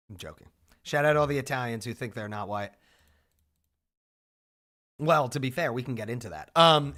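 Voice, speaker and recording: A man's voice: a little high, fairly bright tone. A young man chatting casually on a livestream, restless and jokey, swearing when frustrated. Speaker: streamer.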